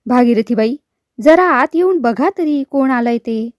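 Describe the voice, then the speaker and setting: A woman's voice: high-pitched, lively intonation, measured pace, no echo, clean studio sound. A woman voicing a stern male superintendent of a leprosy home who reproaches and coaxes, in a storybook reading. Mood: coaxing.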